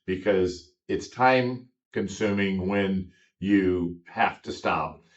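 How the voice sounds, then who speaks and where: Middle-aged american farmer guy, really low voice, slow to find his words, sounds far from the mic. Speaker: farmer guest. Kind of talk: casual conversation. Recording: distant mic, dull muffled sound.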